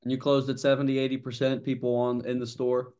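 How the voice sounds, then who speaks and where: A man's voice: medium pitch, monotone, fast, dark tone, clean tone. A man hosting a podcast, asking curious questions and admiring his guest's numbers. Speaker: podcast host. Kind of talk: casual podcast interview.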